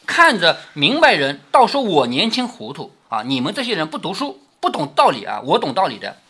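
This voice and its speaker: A haughty young noble girl with a cold, scornful tone, read out by a man. The voice is bright and lively, slightly husky, rising and falling widely in a storybook reading. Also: fairly high pitch, brisk, pitched below the performer's own voice, full character voice.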